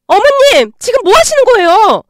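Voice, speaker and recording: A woman's voice: high-pitched, sing-song, fairly quick, fairly bright tone, no echo, studio quality. A woman doing a snide, needling young wife. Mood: shrill outrage. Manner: needling, condescending. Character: snide meddling young wife, sister-in-law.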